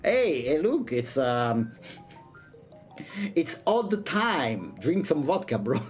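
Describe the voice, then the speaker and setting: Very animated and mid-range, this voice draws out its words against soft background music. The speaker is a streamer, not a native English speaker, alternating dramatic visual-novel read-alouds with casual chat full of jokes, slang and swearing.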